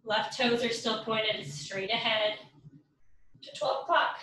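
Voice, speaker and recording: Fitness coach, woman, slightly high voice, breathless cueing, distant echoey room mic. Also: steady tone, takes it slowly, sharp tone, a little hiss or hum. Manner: cueing reps and counting down, upbeat. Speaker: fitness instructor. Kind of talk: live workout instruction. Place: home workout room. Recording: roomy echo from far off the mic.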